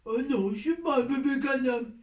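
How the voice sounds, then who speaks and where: A woman's voice: high-pitched, moderate pace, a little mellow, lightly acted. A woman voicing a boastful, childish little boy wolf who plays big and bad and stammers when challenged, in theatrical children's storytelling. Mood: flustered protest. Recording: echoey room, distant from mic.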